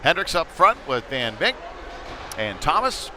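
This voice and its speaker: A man with a slightly high, highly animated voice calls live hockey play-by-play at a measured pace for a local stream. He follows the action in clipped, running phrases from an indoor ice rink during a game, the broadcast noisy with loud arena ambience.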